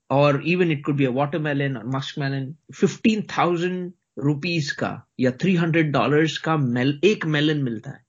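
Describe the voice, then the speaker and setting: Husky Indian man, fairly high voice. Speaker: co-host. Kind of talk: casual conversational chat. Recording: slightly dull, lo-fi audio.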